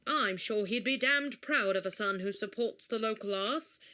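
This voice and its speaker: An actress playing a brisk, scheming mother who puts on a fake British accent in a comedic audio drama. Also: medium pitch, sharp tone, close to an everyday voice. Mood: fake posh. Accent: put-on British. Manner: brisk, breezy and impatient.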